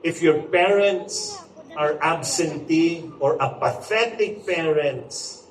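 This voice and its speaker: A man in his forties gives a stage talk. His voice is fairly high and his delivery playful, with acted-out quotes before he turns earnest. He is heard a little off the mic in a roomy, echoing hall, with faint noise behind. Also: slow, distant mic. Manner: playful, acts out quotes, shifts from jokes to earnest. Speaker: motivational speaker and author. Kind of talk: inspirational stage talk with humor. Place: large hall before a live audience.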